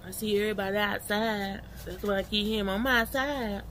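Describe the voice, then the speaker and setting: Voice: mid-range voice, steady tone, brisk, a bit bright, slight background noise. A person chatting casually and colloquially to followers while eating, talking with a mouth full of food. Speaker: vlogger.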